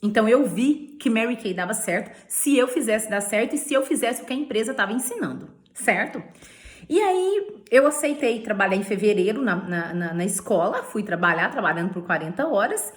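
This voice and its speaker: Speaking at mid-range pitch, she sounds animated and moves a little fast. This beauty sales director from Brazil recounts her sales journey for a testimony vlog in Brazilian Portuguese, laughing often, keeping things playful and tacking "né?" onto her sentences.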